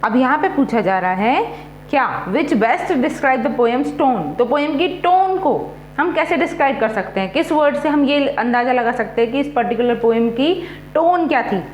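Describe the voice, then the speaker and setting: A woman's voice: high voice, expressive, normal speed, roomy sound, slight background noise. A woman teacher running an exam-prep quiz, mixing Hindi and English as she reads each question, repeats the options and then gives the answer.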